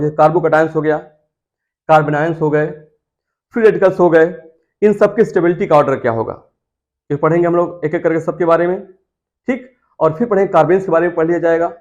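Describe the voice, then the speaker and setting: A man's voice: on the high side, darkish tone, dull audio. A man teaching chemistry in a classroom lecture. He coaxes his students, repeats key terms and keeps asking them questions.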